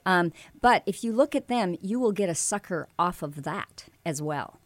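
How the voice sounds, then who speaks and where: A woman's voice: lowish voice, animated, moderate pace, no echo. A woman from Alaska explaining how to grow and prune tomatoes in a casual, explanatory way, with frequent ums and self-corrections. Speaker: gardening expert guest. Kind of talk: casual radio gardening advice.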